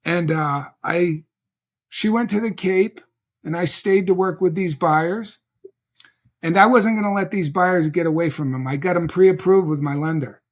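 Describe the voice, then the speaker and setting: A man in his fifties with a notably high voice tells a story in a casual conversation. He tells it with animation, slipping into the voices of the people he quotes. He speaks as a guest with a coaching background. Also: a little slow. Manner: animated anecdote-telling, mimicking voices in quotes. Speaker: guest real estate coach.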